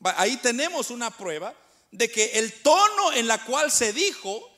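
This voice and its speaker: A man's voice: very high voice, lively intonation, measured pace, sharp tone. A middle-aged male preacher delivering a sermon, speaking to the congregation as brothers with rhetorical questions and repeated words.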